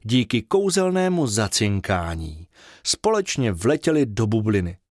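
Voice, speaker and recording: Lively male bedtime storyteller. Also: lowish voice, dry recording, studio quality. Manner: expressive, sing-song storytelling. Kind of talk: reading a children's bedtime story.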